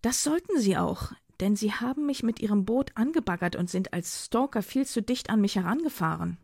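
A woman voicing a defiant, proud performance artist in an audiobook, with a husky, gravelly voice. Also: mid-range voice, lively intonation, measured pace, mellow, no echo, clean studio sound, full character voice. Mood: indignant. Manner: defiant and indignant.

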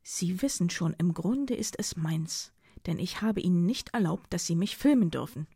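A woman's voice: on the low side, expressive, normal speed, dark tone, slightly rough, no echo, clean studio sound. Woman voicing a proud, prickly woman artist. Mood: indignant. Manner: defiant and indignant.

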